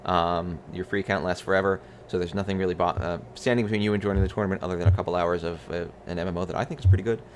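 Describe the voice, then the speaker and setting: A man co-hosting a live mahjong stream, casually analyzing plays and gently advising his partner. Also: low-pitched, fairly even intonation, very fast, few pauses, a little hiss or hum.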